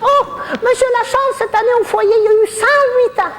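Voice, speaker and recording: A woman's voice: extremely high pitch, steady tone, brisk, in a large hall, slight background noise. A woman with a Québécois accent playing a cheeky, bawdy old woman in a retirement home, in a stand-up comedy character monologue full of saucy, gossipy, self-mocking jokes. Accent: Québécois French.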